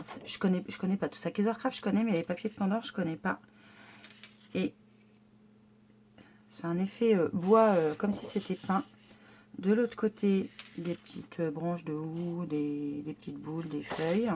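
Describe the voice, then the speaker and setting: With a lowish, slightly mellow voice and a little hiss or hum on the recording, a scrapbooking vlogger talks through her monthly box. She's eager about the items, though her casual chat is hesitant and packed with fillers and restarts.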